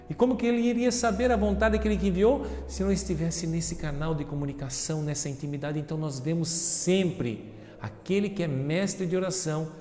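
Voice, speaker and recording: A man with a Brazilian Portuguese accent, a deacon reading the Gospel and preaching earnestly, calling his listeners brothers and sisters, moving between hushed reflection and loud emphatic passages. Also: on the high side. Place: large church sanctuary. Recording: roomy church reverb with soft music.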